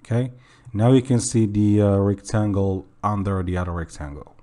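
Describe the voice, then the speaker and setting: A young man talks through a screen-recorded software tutorial with a low, mellow voice. His delivery is casual and unpolished, often checking in with the listener and fixing his own slips as he goes. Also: fairly even intonation, normal speed. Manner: casual, self-correcting, says okay often. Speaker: tutorial host.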